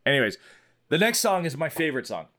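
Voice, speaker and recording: A man's voice: on the high side, very animated, quick pace, sharp tone. Man, casual podcast chat, laughs easily, swears, lots of fillers. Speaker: podcast co-host. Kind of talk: casual chat reviewing an album.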